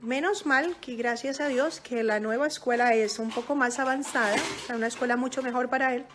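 A woman who is a parent calmly giving advice to other parents in a casual talk, speaking gently with many pauses and restarts. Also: fairly high pitch, background noise. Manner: teacherly, checks in with "¿ok?".

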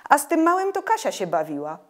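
A dreamy, thoughtful young boy, read in a woman's own voice wonders aloud in a musing tone. The melody stays lively and storybook-like. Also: sits high, fast talker, pitched above the performer's own voice.

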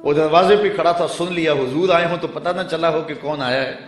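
A male preacher giving a sermon. He recites passages in Arabic and then explains them in Urdu. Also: fairly high pitch. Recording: echoey room with faint music.

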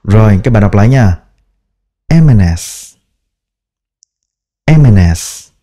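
A man teaching English brand-name pronunciation in a patient, step-by-step lesson, repeating each word slowly. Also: on the low side, animated, warm tone. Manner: drawn-out repeated example words, patient explaining. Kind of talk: slow instructional pronunciation lesson.

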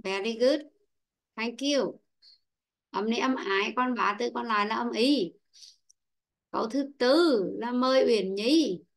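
Slow-paced woman teacher, fairly high voice. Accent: Vietnamese. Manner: slow, patient, calls on pupils by name. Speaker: English teacher. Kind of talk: online class teaching.

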